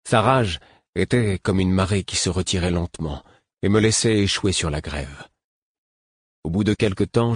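A man reading a novel aloud as an audiobook narrator, in a measured, even way. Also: sits low, husky, no room sound, studio quality. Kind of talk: scripted narration.

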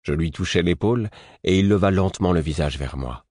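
A man reading a first-person audiobook in a measured, even storytelling manner. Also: low voice, no echo, clean studio sound. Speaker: audiobook narrator. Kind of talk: scripted first-person narration.

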